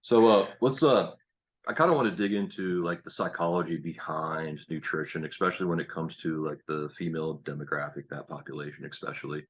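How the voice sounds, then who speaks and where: A podcast host from Kansas, USA, in his late thirties, conducts a casual interview in a laid-back, rambling way with lots of fillers. His voice is very deep, with fairly even intonation. He talks a little fast.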